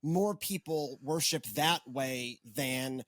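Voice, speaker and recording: A man's voice: mid-range voice, takes it slowly, a bit bright, no echo. A man in his twenties or thirties, a pastor hosting a podcast, in casual chat, rambling and wry with many fillers and restarts. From Texas.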